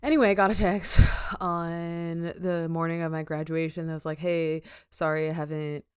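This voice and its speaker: Young woman podcast cohost, low voice, giggly, rambly, lots of likes and ums. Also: little pitch movement, moderate pace, clean tone, dry recording, clean studio sound. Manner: giggly, rambling with many fillers. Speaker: podcast co-host. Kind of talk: casual chat.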